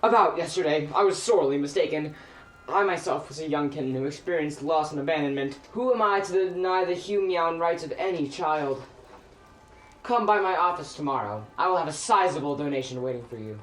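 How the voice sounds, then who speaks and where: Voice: mid-range voice, fairly quick, fairly bright tone, natural voice. An actor playing a melodramatic, miserly male cat Scrooge in a holiday radio play, pleading and exclaiming. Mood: contrite. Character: theatrical miserly male cat Scrooge, fearful then joyfully repentant. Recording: roomy, distant mic, faint noise.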